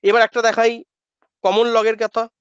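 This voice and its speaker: A male math teacher giving a classroom lecture, asking questions and answering them himself as if he were a student, and drilling pronunciation slowly. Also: very high-pitched, little pitch movement, clear, resonant tone, no echo. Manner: asks and answers his own questions in students' voice. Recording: dull lo-fi dry sound.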